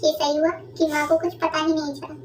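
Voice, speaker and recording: In a cartoon story, a woman voices a hungry young daughter-in-law who speaks nervously and tells fibs. Her voice is high and fairly everyday, with a completely flat delivery at a slightly fast pace. The recording is noisy and echoey, with the mic placed at a distance.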